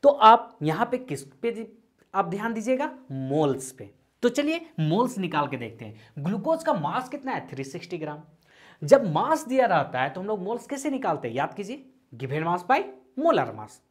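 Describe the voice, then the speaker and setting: A woman's voice: very animated, moderate pace, darkish tone. A woman teaching a chemistry lecture, asking the class questions and then answering them herself, mixing English terms into Hindi. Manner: drops pitch on each answer.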